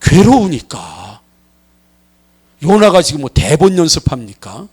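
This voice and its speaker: High, lively Korean pastor preaching. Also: male voice, measured pace, slightly rough. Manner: dramatic, acting out quoted voices with sudden loud and soft swings. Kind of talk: sermon.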